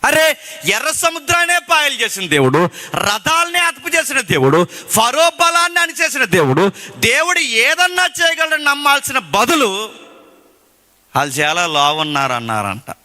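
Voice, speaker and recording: A man's voice: very high voice, huge pitch swings, normal speed, sharp tone. A man preaching a sermon with passion, often putting questions to his listeners. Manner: impassioned, rhetorical questions to the congregation. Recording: long hall reverb.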